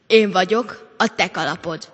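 Storybook role: a talking hat, flatly insistent, won't take no, voiced by a woman. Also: on the low side, in a large hall, muffled recording, natural voice. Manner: flat, insistent.

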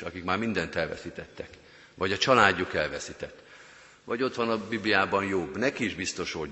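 A man's voice: fairly low pitch, bright, forceful tone. A man preaching a sermon as pastor, speaking earnestly and directly to his congregation. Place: church. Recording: long church reverb.

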